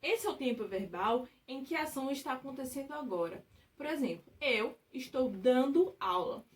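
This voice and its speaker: A woman's voice: high voice, animated, moderate pace, recorded from a distance, a little hiss or hum. A woman teaching a recorded grammar lesson, explaining step by step and checking in with the listener often. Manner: patient, step-by-step explaining with frequent check-ins. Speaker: English teacher.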